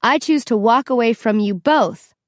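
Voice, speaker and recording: A woman's voice: medium pitch, normal speed, dry recording, clean studio sound, natural voice. A woman voicing a fiery, fed-up teenage girl who snaps sharply, in an audiobook. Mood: furious. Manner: sharp, exasperated yelling.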